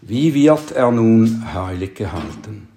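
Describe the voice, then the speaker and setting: A man preaching a sermon in a slow, measured way, lifting his voice to stress key words. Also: lowish voice, very animated, dark tone, roomy sound, a little hiss or hum.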